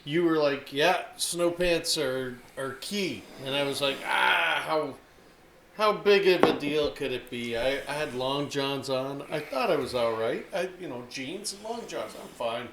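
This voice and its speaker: A man's voice: medium pitch, normal speed, reverberant, noisy background. A man co-hosting a podcast in casual chat, agreeing often and chiming in with backing remarks. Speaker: podcast co-host.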